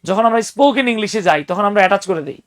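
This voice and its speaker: High-voiced teasing tutor. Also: male voice, racing, no echo, studio quality. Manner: lively, teasing, explains patiently with examples. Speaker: English teacher. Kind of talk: online spoken English class.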